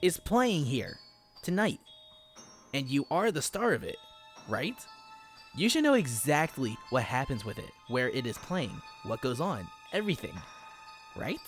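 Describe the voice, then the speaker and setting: Male reader voicing a creepy, overeager fan: higher, pushier, with soft music underneath. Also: big pitch swings, measured pace, long pauses. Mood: insistent. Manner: eager, insistent, rising pitch. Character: excitable obsessed male fan, unsettling.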